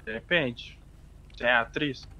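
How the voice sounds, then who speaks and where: A man's voice: medium pitch, unhurried, dull audio, crowd noise, natural voice. A man in a GTA roleplay, playing a joking character who poses as a psychopath and swears often. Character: young male roleplayer posing as a psychopath.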